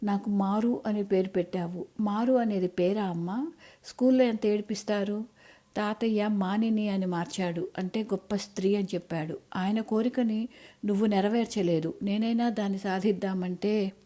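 A woman voicing an angry young college-age daughter with a sharp, accusing, scornful way of talking in an audiobook story. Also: mid-range voice, steady tone, moderate pace, lightly acted. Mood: aggrieved.

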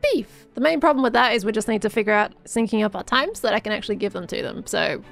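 A woman, slightly hoarse, giving casual, upbeat gameplay commentary with rambling asides. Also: mid-range voice, lively intonation, fast talker, a bit bright, faint music behind. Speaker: Minecraft video creator.

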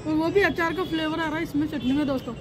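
High-voiced young woman vlogging enthusiastically. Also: fast, noisy background. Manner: chatty, enthusiastic, addresses viewers as friends. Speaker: food vlogger. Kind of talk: casual restaurant review vlog. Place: rooftop restaurant at night, outdoors.

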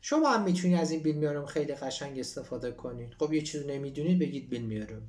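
A man with a background teaching Turkish in a relaxed online lesson. His voice is lively and animated, rising and falling a great deal. He reads the Turkish lines slowly and then explains them in easy, chatty speech. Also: a little high, distant mic. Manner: switches between Persian explanation and slow Turkish reading.

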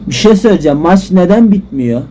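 A man giving frustrated gameplay commentary, swearing and shouting at the game. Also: high-pitched, lively intonation, fast talker, a little hiss or hum. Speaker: gaming YouTuber. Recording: music loud behind voice.

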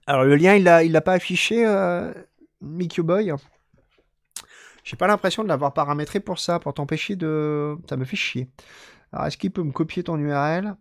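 A man with a somewhat high voice reads poetry aloud on a live stream, his recitation slow and measured. Between texts he drops into loose, offhand chatter with his audience. The sound is dry and close, with no room ring. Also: dry recording. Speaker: poetry reader and stream host. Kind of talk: live poetry reading with casual asides.

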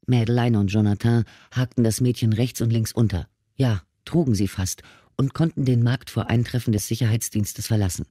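A man reading a novel aloud with steady, measured narration. His voice is mellow and warm, recorded dry and close with no room sound. Pitch sits in an ordinary middle range. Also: no room sound. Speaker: audiobook narrator. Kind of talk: scripted narration.

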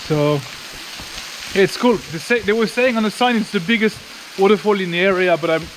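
A man's voice: sits high, fairly quick, low-quality recording. A man giving casual, informal travel vlog commentary while outdoors, chatting freely. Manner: informal, chatty, occasional swearing. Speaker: travel vlogger. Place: outdoors on forest walking paths. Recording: outdoor ambience noise.

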